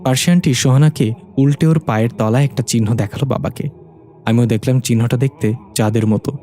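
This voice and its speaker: A man's voice: medium pitch, steady tone, fast, dark tone, soft background music. A man narrating a dramatic story and reading every character's lines himself. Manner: reads all parts, voicing women and men in his own voice.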